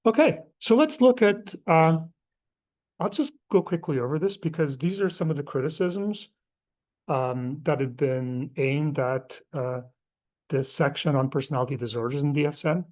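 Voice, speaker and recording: A middle-aged man with a Portuguese accent lectures a class, his voice sitting a little higher than most men's. He talks loosely and conversationally, with frequent fillers and side remarks between his points. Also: animated, moderate pace, a little mellow. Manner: casual, conversational, many fillers and asides.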